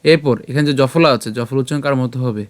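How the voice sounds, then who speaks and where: Male teacher, patient syllable-by-syllable recitation lesson, mid-pitched voice, dry close sound. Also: no room sound. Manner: patient, breaks words into syllables slowly. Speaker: scripture pronunciation teacher.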